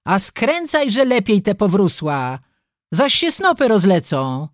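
A brisk young farmer barking orders at his sisters in an audiobook, his voice jumping up and down as he calls out across the field, as a narrator puts him on. The recording is dry and close. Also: mid-range voice, animated, no echo, pitched above the performer's own voice, close to an everyday voice. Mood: shouting. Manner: brisk and commanding.

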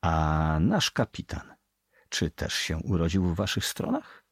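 An inquisitive young seaman, played by a male reader asks question after question. The voice is low and raspy yet lively in its melody. The sound is close and dry. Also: measured pace, dry recording, full character voice. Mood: curious. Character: curious young male sailor, quietly probing.

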